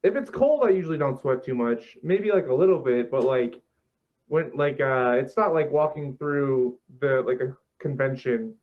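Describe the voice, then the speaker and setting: A man chatting casually as an interview guest, laid-back and halting, leaning on filler words, on dull lo-fi audio. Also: mid-range voice. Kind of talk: casual chat.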